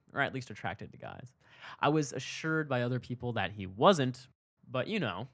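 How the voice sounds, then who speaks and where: A man's voice: medium pitch, no room sound. Candid young man telling a story, dry sound. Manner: reflective, candid, swings between loud emphasis and soft asides. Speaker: podcast host. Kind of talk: personal storytelling monologue.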